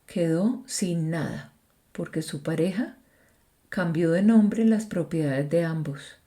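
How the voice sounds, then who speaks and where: Woman host, low dark tone, calm measured scripted narration. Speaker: podcast host.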